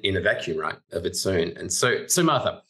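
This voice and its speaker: Guy hosting a podcast, lowish voice, gets all excited reading the guest's intro. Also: brisk. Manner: enthusiastic, excitable. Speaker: podcast host. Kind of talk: casual podcast interview.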